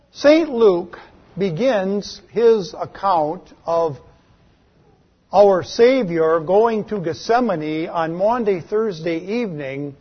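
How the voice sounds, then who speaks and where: Husky slow-preaching male pastor. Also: high-pitched, muffled recording. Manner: slow, dramatic preaching with rising questions and falling endings. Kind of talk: sermon.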